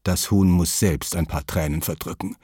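A male storyteller reading a children's tale in a calm, measured way. His voice sits very low and a little husky, recorded close and dry. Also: no room sound.

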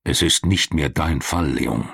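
A man's voice: very deep voice, unhurried, vocal fry, fairly bright tone, breathy edge, no echo, studio quality, heavily acted. A man reading the part of a serious, authoritative male police official who speaks in a stern, commanding way.

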